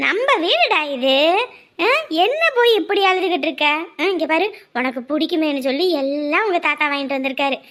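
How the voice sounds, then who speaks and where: An actress playing a village grandmother, coaxing and gently scolding a child. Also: high-pitched, expressive, a little fast. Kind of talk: village family drama.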